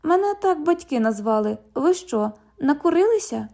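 A woman's voice: high voice, very animated, moderate pace, gravelly, mellow, pitched above the performer's own voice, exaggerated voice. A woman reading an audiobook, voicing a sarcastic, mocking twenty-year-old woman who works as a bank cashier. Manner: mocking, cheeky, parrots the other speaker.

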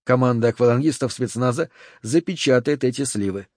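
This clip has a medium-pitched man narrating an audiobook, lightly acting out a measured, calm FBI agent who comes across as courteous yet commanding. The studio audio is clean, with no echo at all.

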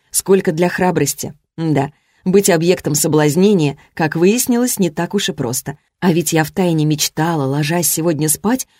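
A woman reading a first-person romantic fantasy novel aloud, expressive, lifting her voice for the heroine's lines. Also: fairly low pitch, no room sound, clean studio sound. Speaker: audiobook narrator. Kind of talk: first-person fiction narration.

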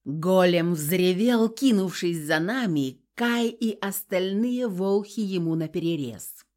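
A woman reading a first-person audiobook narration in an expressive, dramatic way. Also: on the low side, slow.

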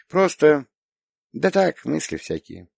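A man voicing a gentle, hesitant young woman. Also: fairly high pitch, very animated, slow pace, gravelly, no room sound, clean studio sound, pitched above the performer's own voice, heavily acted. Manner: soft, hesitant, lifted voice. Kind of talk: audiobook character voice.

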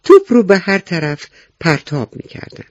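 A man narrating a children's story, animated and speaking directly to young listeners. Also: high voice, dry recording, dull audio.

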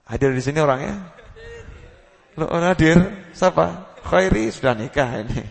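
Gravelly man preaching in an echoing hall. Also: on the high side, moderate pace. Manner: lively, acts out quotes, chants dhikr. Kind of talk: sermon to a gathering. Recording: long hall reverb.

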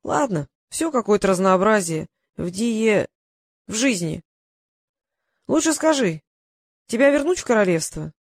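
A woman's voice: mid-range voice, big pitch swings, a little slow, pauses often, dry recording, studio quality. A woman voicing a young male dragon in human form, shy but boastful, speaking casually. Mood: sheepish. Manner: embarrassed, casual.

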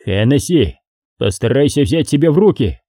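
A shaken submarine pilot speaks with forced, soothing calm, as a male reader voices him. The voice is low-toned, mellow and husky, with a lively pitch, recorded dry and close. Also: moderate pace, no room sound, natural voice.

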